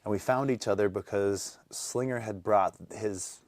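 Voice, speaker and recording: Brief: young musician guest in his twenties, from North Dakota, deep-ish voice, dry close sound, loose rambling storytelling. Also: unhurried, a little mellow, no room sound. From North Dakota, USA. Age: 20s. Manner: rambling storyteller, many fillers and restarts. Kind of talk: casual interview chat.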